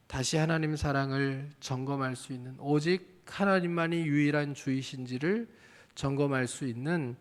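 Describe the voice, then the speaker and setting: A pastor with a slightly high voice delivers a sermon in a church. He speaks in an earnest, searching way and keeps turning to his congregation with direct questions.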